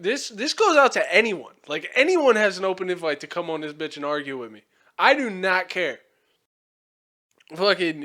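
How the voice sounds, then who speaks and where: A man's voice: sits high, pushed and bright. A young man hosting a casual podcast chat, rambling with lots of fillers and frequent swearing. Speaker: podcast host.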